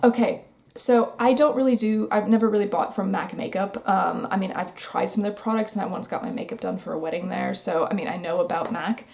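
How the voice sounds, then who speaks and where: A woman's voice: mid-range voice, fairly quick, vocal fry, darkish tone, a little hiss or hum. Chatty American woman reviewing makeup. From United States. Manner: chatty, candid, wry asides. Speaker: beauty vlogger. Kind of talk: casual makeup review chat.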